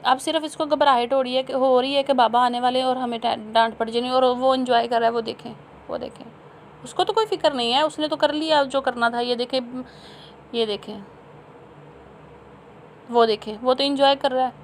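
A woman's voice: high voice, fairly even intonation, normal speed, a little hiss or hum. A woman in her thirties from Pakistan, a mother narrating a family vlog in a chatty voice-over, amused and teasing, often breaking into laughter.

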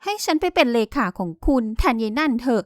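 Woman reading as a defiant, sharp-tongued young woman. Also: a little high, animated, fast, dry recording, clean studio sound, close to an everyday voice. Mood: pleading. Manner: defiant, cutting. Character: bold, sharp-tongued young woman who fights back.

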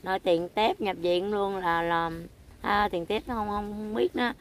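An older woman with a Mekong Delta accent, recounting a family hospital story in a halting way, with many fillers. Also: medium pitch, fairly even intonation, slight background noise. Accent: Mekong Delta Vietnamese. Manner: halting, many fillers, quotes others in her own voice. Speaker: interviewee. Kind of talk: emotional recounting.

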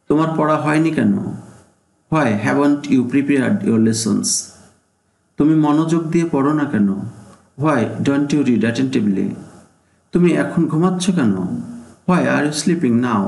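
Male teacher reading drill phrases, fairly high, gravelly voice, echoey room. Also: a little mellow. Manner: slow, deliberate reading of each sentence. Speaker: English teacher.

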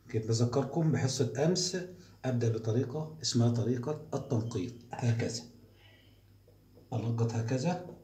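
A man, teaching the alphabet to first graders in a slow, repetitive drilling style. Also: mid-range voice, mellow, slight background noise. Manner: slow, drawn-out syllables and repeated drills. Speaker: primary school teacher. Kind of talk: recorded classroom lesson for young children. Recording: echoey room, voice off-mic.

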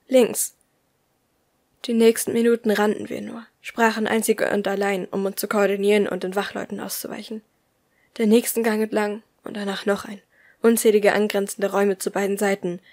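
A woman reading a first-person audiobook aloud in a soft, often hushed voice. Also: medium pitch. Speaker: audiobook reader.

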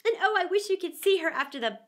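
A woman's voice: very high voice, big pitch swings, takes it slowly, fairly bright tone, voice pushed up, exaggerated voice. A woman voicing a polite, eager young girl in a storybook read-aloud, sometimes pleading.

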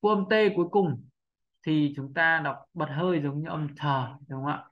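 A man giving a patient pronunciation lesson, repeating sounds slowly and asking rhetorical questions. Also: on the high side, highs cut off. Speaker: English pronunciation teacher. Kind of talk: video lesson.

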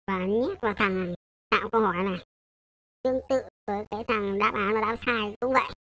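With the highs cut off, a slightly high female voice comes through as she talks through a casual coding tutorial. Her delivery is loose and hesitant, with frequent self-corrections and check-ins with listeners.

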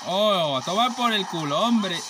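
A man with a Spain Spanish accent giving excitable, profane let's play commentary, joking and trash-talking rival racers. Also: high voice, measured pace, background noise. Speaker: gaming channel host. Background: racing game music and sounds.

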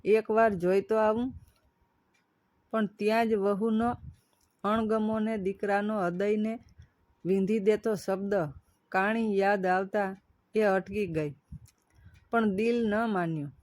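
A woman storyteller narrating an emotional moral tale in a measured, dramatic way. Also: medium pitch, steady tone, darkish tone, no room sound.

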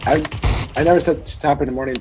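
A man's voice: a little high, steady tone, poor audio. Man chatting over game music. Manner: joking, teasing, halting restarts. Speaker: gamer recording his session. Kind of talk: casual gaming chat. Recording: game music playing behind.

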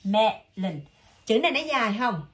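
Southern Vietnamese woman, English tutor, a bit high-pitched, patient drilling style. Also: expressive. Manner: patient, drills words slowly and repeatedly. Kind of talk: one-on-one vocabulary lesson.

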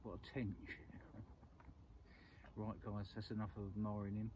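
A middle-aged angler vlogger with a voice on the low side speaks at a moderate pace in a completely flat delivery. He chats casually to camera beside a lake at night and dawn, repeating little phrases. He's miked with a clip-on lapel mic, and the lo-fi outdoor recording has clear background noise.

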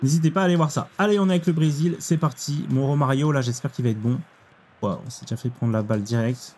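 A young man commenting on his own football video game match, excitable, exclaiming and groaning at each play. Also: mid-range voice, fast talker, slight background noise. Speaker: gaming YouTuber. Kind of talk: live gameplay commentary.

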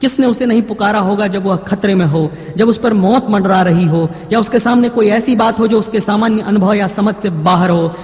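Male trainer, high voice, emphatic declaiming, recorded with long hall echo. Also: darkish tone. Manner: emphatic, declaiming with repeated slow phrases. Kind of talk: motivational lecture, reading pledges aloud. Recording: echoey hall.

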